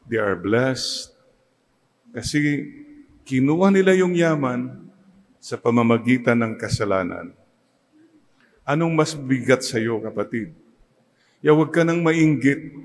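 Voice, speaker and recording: A Filipino man, a priest, preaching a sermon that mixes Tagalog and English and leads the congregation in call-and-response. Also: mid-range voice. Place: church. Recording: long church reverb.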